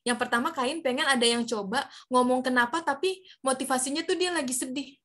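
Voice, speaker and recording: A woman's voice: high-pitched, a little fast, a bit bright. A woman who works as a voice actor, cheerfully teaching an online class for children over a video call.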